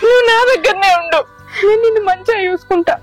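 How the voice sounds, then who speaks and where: Woman playing a tearful devoted daughter, very high. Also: moderate pace, a bit bright, soft background music. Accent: Telangana Telugu. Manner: tearful, emotional pleading. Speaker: actor. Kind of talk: village short-film acting.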